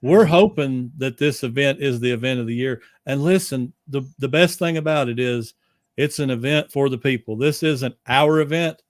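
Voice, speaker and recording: A man's voice: mid-range voice, moderate pace, no echo, clean studio sound. A man chatting casually as a guest on a podcast, explaining things in a loose, rambling way.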